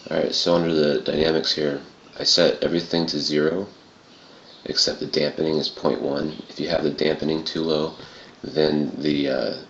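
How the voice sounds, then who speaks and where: A man with an extremely low, gravelly voice walks through a software tutorial in a casual style. His throaty tone comes through a dull, lo-fi home recording with roomy echo. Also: level tone, normal speed. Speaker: tutorial presenter. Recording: muffled, roomy home recording with clear noise.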